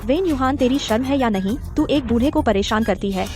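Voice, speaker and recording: A woman's voice: on the high side, a little fast, natural voice. An actress dubbing a protective, outspoken young woman who scolds firmly. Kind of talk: Hindi drama dubbing. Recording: dialogue over music.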